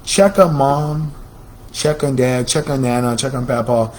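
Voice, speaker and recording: A man's voice: medium pitch, measured pace, darkish tone, low-quality recording. An American man hosting a computer store's promotional video, talking in a chatty, salesy way and often repeating himself. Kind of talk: casual promotional talk.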